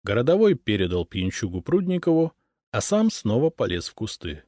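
Low-voiced guy narrating a story, expressive, dry close mic. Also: normal speed, no echo. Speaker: audiobook narrator. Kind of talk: scripted first-person narration.

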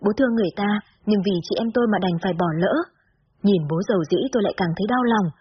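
A woman narrating a story aloud in the first person, in steady storytelling manner. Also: medium pitch, very fast. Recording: slightly dull recording with faint hiss.

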